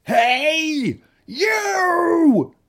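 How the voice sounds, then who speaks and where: A tiny, boastful ladybird bully screeches and shouts every challenge, as a man puts it on. The voice sits far above a normal speaking range, loud and strained, with a raspy, husky edge. It reads like a storybook character. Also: high-pitched, lively intonation, slow pace, pitched above the performer's own voice, full character voice. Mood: shouting challenge. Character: shrill, bad-tempered, boastful little ladybird.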